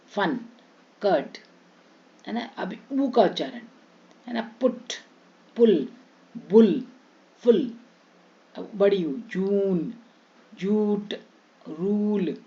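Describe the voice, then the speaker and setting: A woman's voice: medium pitch, dark tone. A woman with an Indian accent teaching English pronunciation, repeating each word and addressing her students as children. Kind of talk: pronunciation lesson. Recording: muffled lo-fi recording.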